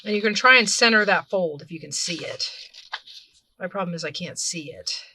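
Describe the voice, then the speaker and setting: In a relaxed, chatty craft tutorial, a woman whose bright, clear voice sits on the low side narrates while keeping her hands busy. She speaks a little fast and frequently stops to rephrase or correct herself mid-sentence.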